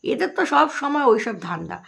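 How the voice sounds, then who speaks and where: A Bengali woman vlogger delivers mocking, sarcastic gossip commentary, addressing her viewers directly. Her voice sits fairly high for a woman, with a husky, gravelly fry running through it. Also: big pitch swings, normal speed, fairly bright tone.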